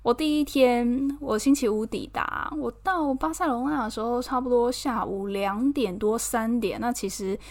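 Chatty Taiwanese woman, bright higher voice. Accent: Taiwanese Mandarin. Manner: chatty and expressive, laughs often. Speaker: podcast host, model. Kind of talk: casual personal chat.

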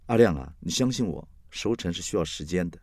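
A man's voice: low voice, animated, brisk, darkish tone, no room sound, clean studio sound. A man putting on a gushing dreamy young woman. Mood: tender. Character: young woman, dreamy food-loving girlfriend.

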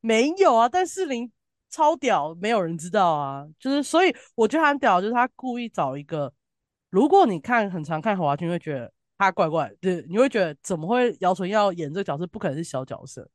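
A woman's voice: mid-range voice, very animated, fairly quick, no echo. A woman from southern Taiwan with a southern Taiwanese Mandarin accent, chatting casually and bluntly as a co-host with emphatic, colloquial opinions. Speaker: podcast co-host reviewing TV drama.

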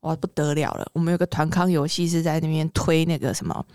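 A woman with a Taiwanese Mandarin accent telling a story in casual podcast chat, animated and expressive. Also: low-pitched, fast talker, dry recording. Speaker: podcast co-host.

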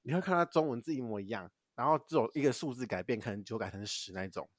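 Young male podcast co-host, from Taiwan, quick and animated storyteller, dry close mic. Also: medium pitch, no echo. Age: young adult. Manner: animated, swears casually, laughs while telling. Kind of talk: casual storytelling chat.

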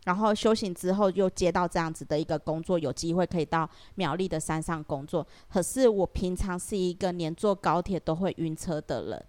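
A woman's voice: lowish voice, a little fast, few pauses, a little mellow. A woman with a Taiwanese Mandarin accent, a podcast guest reflectively telling her own story with many fillers. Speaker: guest sharing her experience. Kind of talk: casual podcast conversation.

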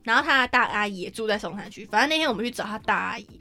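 A woman's voice: medium pitch, expressive, racing, bright, forceful tone, faint music behind. A woman with a Taiwanese Mandarin accent, animatedly telling a story on a casual podcast, swearing often and acting out what people said. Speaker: podcast co-host.

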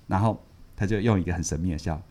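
A man's voice: deep voice, fast. A man, casually retelling a story from a book on a podcast, repeating words and laughing as he goes. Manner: animated, repeats words, laughs while telling. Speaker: podcast co-host reviewing a book.

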